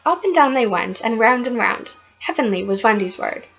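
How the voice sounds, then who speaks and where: A woman reading a children's book aloud with expressive delivery and occasional stumbles. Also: on the high side, moderate pace, gravelly, dull audio, faint music behind.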